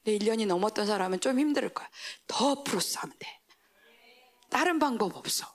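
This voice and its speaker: A woman preaching a sermon, asking the congregation questions and answering them herself, swinging between raised exclamations and hushed asides. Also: medium pitch, lively intonation, brisk.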